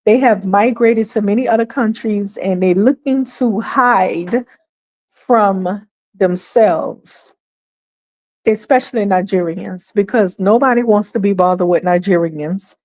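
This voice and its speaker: Animated woman hosting casual commentary. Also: unhurried. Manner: animated, laughs often, acts out quoted people in a higher voice. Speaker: livestream commentary host.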